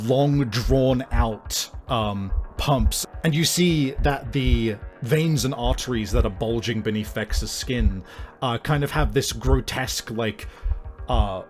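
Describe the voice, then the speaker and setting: Faint guitar music drifts behind a man guiding a horror tabletop session as game master. His medium-pitched voice delivers improvised, vivid descriptions, broken by hesitant pauses.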